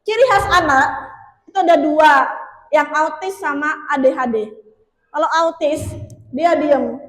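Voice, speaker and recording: Woman, high voice, casual workshop presenter, talks straight to the audience, echoey meeting room. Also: measured pace. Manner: chatty, addresses listeners directly as sir and ma'am. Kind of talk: casual workshop talk to teachers.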